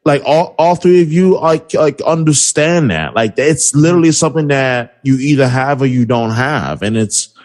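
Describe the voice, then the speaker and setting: A man's voice: medium pitch, normal speed, few pauses, a little mellow. Rambling New guy talking sports. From New York City. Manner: rambling, many fillers, trash-talking. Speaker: podcast guest, sports broadcaster. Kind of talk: casual sports chat.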